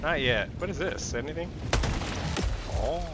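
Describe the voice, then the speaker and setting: A man playing a video game as a newcomer, chatting casually and blurting out excited reactions, his voice sounding as if inside a helmet. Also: a little high, unhurried, background noise. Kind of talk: casual gameplay chat and reactions. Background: game music, gunfire and explosions.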